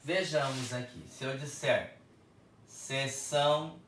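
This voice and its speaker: A man with a Brazilian Portuguese accent teaching a school lesson, speaking slowly and deliberately and repeating words for emphasis. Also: mid-range voice, lively intonation, noisy background. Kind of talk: classroom lesson explanation. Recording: echoey room, speaker far from mic.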